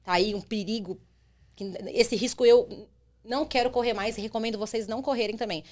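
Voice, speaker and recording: A young adult woman, a rideshare driver telling a story on a podcast in an animated way. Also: fairly high pitch, fairly quick. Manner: animated, acts out quotes in her telling.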